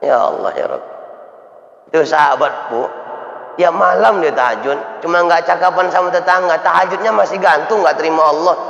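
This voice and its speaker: A man giving an animated sermon, acting out dialogue and rising to shouts. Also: on the high side, brisk, vocal fry, muffled recording. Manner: animated, switches voices for characters, rises to shouts. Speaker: preacher. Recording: echoey hall.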